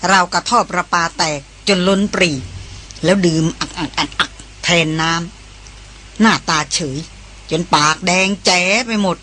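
A woman narrating an adventure audiobook in a steady, vivid storytelling manner. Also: mid-range voice. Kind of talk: scripted narration.

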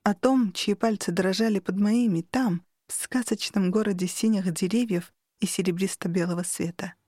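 A woman's voice: mid-range voice, moderate pace, a little mellow, no echo, studio quality. A young woman narrating a novel in the first person, emotional and rising sharply when the heroine is in distress. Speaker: audiobook narrator.

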